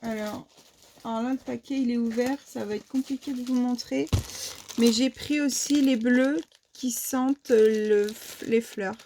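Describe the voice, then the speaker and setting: A woman's voice: fairly high pitch, fairly even intonation, measured pace, warm tone, slight background noise. A woman from France presenting her shopping haul in a casual, hesitant way, with many fillers and restarts. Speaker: vlogger showing a shopping haul. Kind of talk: casual show-and-tell haul.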